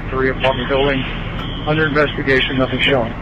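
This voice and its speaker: A man's voice: medium pitch, little pitch movement, fast. A man reporting as a firefighter over two-way radio, terse and clipped, in an urgent firefighter radio manner. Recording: muffled radio, loud street noise.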